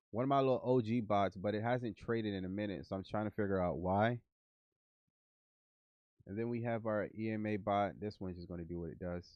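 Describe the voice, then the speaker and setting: A man with a fairly low voice hosts a casual live coding stream, building trading bots and muttering to himself and to them, nasal as he recovers from the flu. The recording is dry and the audio dull.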